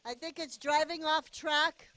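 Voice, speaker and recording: A woman's voice: sits high, steady tone, measured pace, bright, forceful tone, dry recording. A woman doing casual play-by-play commentary at a go-kart race, chatty and cheering the drivers on. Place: outdoor go-kart race track.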